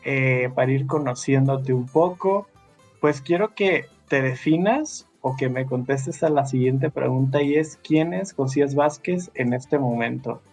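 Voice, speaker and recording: A podcast host asking questions in a casual interview. The host speaks hesitantly and phrases questions in a winding way with many pauses. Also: medium pitch, darkish tone, soft background music.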